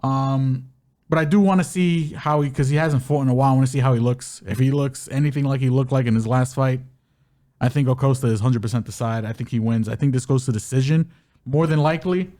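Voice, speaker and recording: A man co-hosting a podcast, talking through fight bets in a relaxed, animated way, laughing often. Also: medium pitch, a little fast. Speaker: podcast co-host. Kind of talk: casual sports betting chat.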